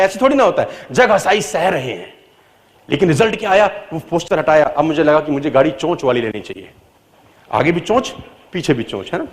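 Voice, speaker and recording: A middle-aged man giving a motivational talk, telling his own story and swinging between loud emphatic peaks and low quiet asides, with English phrases mixed in. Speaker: motivational speaker.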